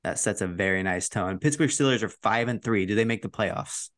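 A man's voice: lowish voice, brisk, a bit bright, no echo, clean studio sound. A man co-hosting a casual sports podcast, laid-back, swearing freely and laughing often. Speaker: podcast co-host.

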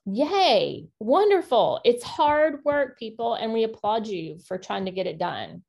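A woman co-hosting a casual faith-based parenting podcast, talking in an earnest, encouraging way with quick asides. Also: fairly high pitch, lively intonation, creaky, a little mellow. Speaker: podcast co-host.

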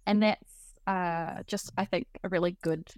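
A woman's voice: fairly low pitch, steady tone, a little slow, a little mellow, no room sound, clean studio sound. A woman with a New Zealand accent, a guest artist chatting casually, hesitant with many fillers, laughing easily. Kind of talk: casual chat.

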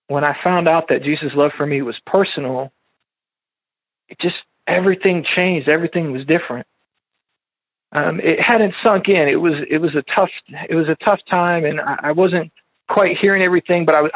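A man's voice: on the high side, dry recording, highs cut off. A man telling his personal faith testimony in a casual, rambling way, with many fillers and restarts. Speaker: speaker sharing a faith testimony.

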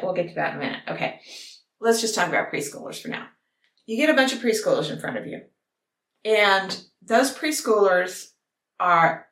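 A woman's voice: mid-range voice, a bit bright. A woman vlogger delivering an opinionated monologue to camera, emphatic and full of rhetorical questions. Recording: roomy echo.

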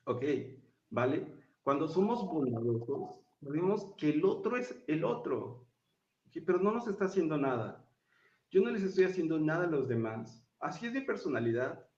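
A man's voice: on the high side, very animated, moderate pace, darkish tone, recorded from a distance. A man speaking as a guest in a casual conversation, explaining his ideas earnestly and checking in with "¿ok?" and "¿vale?". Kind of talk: casual chat. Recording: dull, echoey sound.

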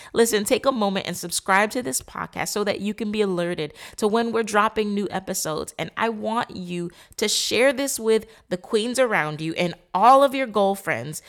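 A woman's voice: medium pitch, a bit bright. A woman hosts a motivational podcast. She talks emphatically, repeats words for stress and calls her listeners queen. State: stuffy nose. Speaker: podcast host. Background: painters working nearby.

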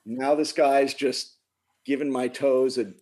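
A man casually telling a funny personal story, animated and laughing often. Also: medium pitch, takes it slowly. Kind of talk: casual chat.

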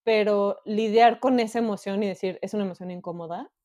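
Candid Mexican woman, mellow voice. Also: medium pitch, brisk. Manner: candid, emotional, swears casually. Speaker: podcast co-host. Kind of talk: casual chat.

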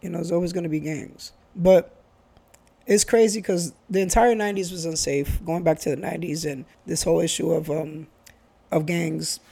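This earnest man from the Bronx, New York, somewhere in his thirties, lays out his views in casual, conversational chat. His voice is high for a man, mellow and soft-edged but slightly rough with vocal fry, steady in tone at a moderate pace. Restarted sentences and emphatic repetition run throughout.

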